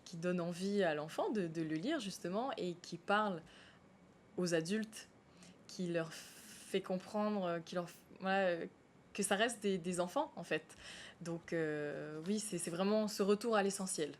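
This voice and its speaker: A woman's voice: lowish voice, unhurried, slight background noise. A woman, a stage actress, answers interview questions in a TV studio, hesitant and full of fillers and restarts.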